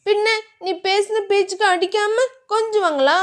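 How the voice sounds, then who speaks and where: A woman's voice: extremely high pitch, normal speed, pitched above the performer's own voice. A woman voicing an innocent, playful young heroine in a romance audio novel, with a childlike, pleading manner.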